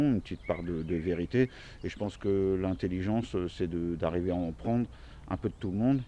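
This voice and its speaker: A man's voice: sits low, mellow, a little hiss or hum. A man in his forties from central France with a regional accent, chatting casually in his garden, rambling with many fillers and restarts. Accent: central French regional. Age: 40s. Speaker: gardening YouTuber. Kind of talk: casual self-introduction video. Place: outdoors in a small vegetable garden.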